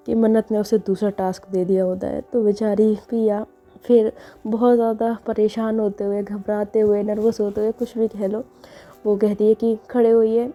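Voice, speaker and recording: A woman's voice: mid-range voice, dark tone, muffled recording. A woman telling a romance story in a chatty, conversational way. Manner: chatty, conversational, frequent "na" tags. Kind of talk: casual story narration.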